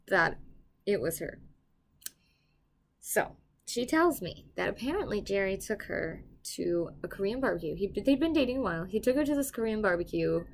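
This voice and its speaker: A young woman casually telling a dramatic personal story to the camera, animated and given to swearing. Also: mid-range voice. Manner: animated, swings loud and quiet, swears casually. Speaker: property manager telling a story.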